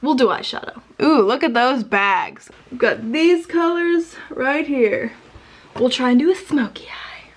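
A woman's voice: sits high, lively intonation, unhurried, a little hiss or hum. A young woman chatting casually in a vlog, laughing often and joking sarcastically at herself. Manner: giggly, self-mocking, sarcastic. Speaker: vlogger.

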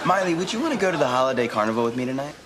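A man's voice: medium pitch, lively intonation, rapid-fire, heavy background noise, natural voice. A young actor playing a short, earnest teen boy, a bit hesitant and touchy, in a sitcom. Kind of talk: sitcom acting. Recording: TV sitcom with loud laugh track and music. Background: loud audience laughter and music.

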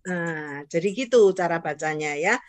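Here the Hakka teacher speaks on the low side at a moderate pace, and the recording has no echo. She patiently models tone syllables online for learners to repeat, frequently checking in with a "ya".

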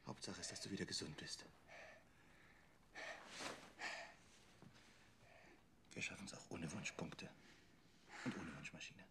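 A middle-aged actor playing a mild, anxious father figure in a film comedy, fretful and excitable. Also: sits high, a little fast, heavy background noise. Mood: tender, worried. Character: anxious, mild-mannered bachelor, adoptive father of a magical creature.

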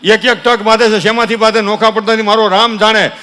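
A man performing a live comedy monologue on stage, preaching and telling stories in an animated way. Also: sits high, quick pace. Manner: preachy, animated storytelling with exhortations. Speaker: folk comedian and dayro performer. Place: live stage before an audience. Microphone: stage PA microphone. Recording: reverberant live stage hall.

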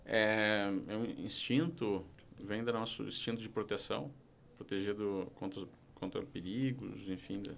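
A man's voice: on the low side, steady tone, measured pace, vocal fry, a bit bright, slight background noise. A man hosting a podcast, asking probing questions and offering short affirmations. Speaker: podcast host. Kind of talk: interview questions.

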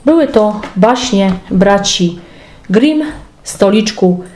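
A woman's voice: mid-range voice, expressive, slow, darkish tone, a little hiss or hum. A woman reading a fairy tale aloud as a storyteller. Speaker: storybook reader.

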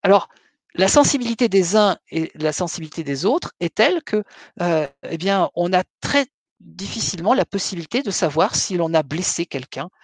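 A middle-aged man giving a webinar lecture, measured and hesitant, with frequent fillers between phrases. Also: sits high, lively intonation, dry recording.

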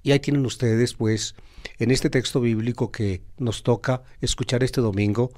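A priest giving a sermon, reading a Bible passage aloud and then explaining it to his listeners, with pauses and hesitant fillers. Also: mid-range voice, steady tone, darkish tone. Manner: addresses listeners directly.

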